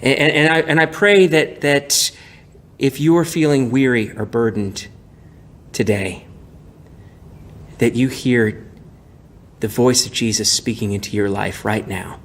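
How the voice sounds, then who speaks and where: A male pastor giving a gentle, prayerful devotional message with frequent restarts. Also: mid-range voice, measured pace, long pauses. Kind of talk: devotional sermon.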